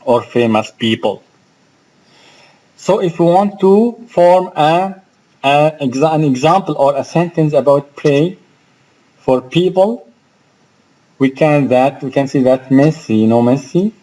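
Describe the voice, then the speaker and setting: A man's voice: fairly high pitch, animated, dark tone, low-quality recording. A man with an Egyptian accent who teaches English vocabulary, spelling out words and asking his students questions. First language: Arabic. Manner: slow, explaining, spells out words and asks the class questions. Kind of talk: vocabulary lesson.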